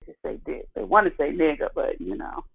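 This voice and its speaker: A woman co-hosting a casual chat, blunt and quick to laugh. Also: deep voice, very animated, vocal fry, husky. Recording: dull lo-fi audio.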